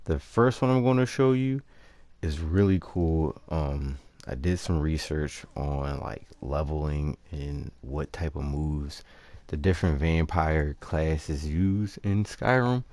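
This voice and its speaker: A man with a low, darkish voice walks viewers through a character build in an unscripted gameplay video. His commentary is casual and halting, sprinkled with slang as he explains his choices, and the recording is dry.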